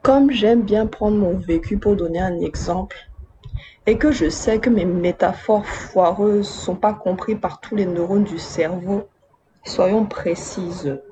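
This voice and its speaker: Speaking slowly at a medium pitch, a mellow-voiced video essayist talks to her audience over a little hiss or hum. Born in Madagascar and raised in Côte d'Ivoire and France, she keeps her commentary casual, chatty, wry and slangy.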